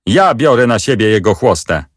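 A man's voice: on the low side, very animated, moderate pace, dry recording, clean studio sound. A man voicing a loyal, brave knight who speaks urgently and pleadingly.

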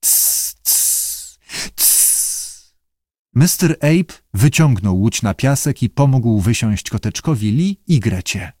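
A man narrating an audiobook in an expressive storytelling manner. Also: medium pitch, a little slow, few pauses, no echo, studio quality. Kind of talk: scripted narration.

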